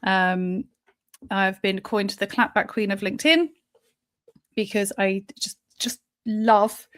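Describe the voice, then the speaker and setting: A woman hosting a live podcast in a loose, chatty way. She speaks bluntly, swears without hesitation and laughs between points. Her voice sits at an ordinary pitch and sounds close and dry, with no room echo. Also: steady tone. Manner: frank, sweary and quick to laugh. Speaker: podcast host and founder. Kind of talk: casual live podcast chat.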